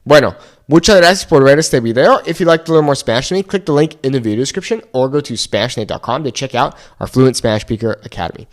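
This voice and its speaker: A man's voice: mid-range voice, fast, few pauses. A man teaching casually to viewers, explaining things step by step in an encouraging way. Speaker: Spanish teacher and video host. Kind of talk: casual instructional talk to viewers.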